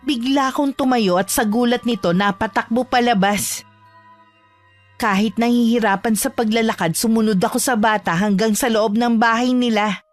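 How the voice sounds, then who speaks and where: A woman giving scripted first-person narration of a true horror story in a steady storytelling manner. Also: on the high side, moderate pace, soft background music.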